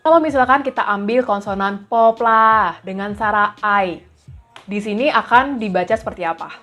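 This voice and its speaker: A woman teaching a language lesson, explaining rules patiently and repeating example syllables slowly. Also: mid-range voice, fairly bright tone, soft background music.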